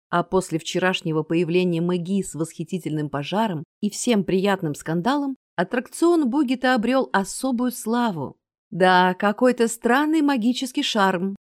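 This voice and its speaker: A woman's voice: mid-range voice, a little mellow, no echo, clean studio sound. A woman reading a fantasy novel aloud as the narrator. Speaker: audiobook narrator.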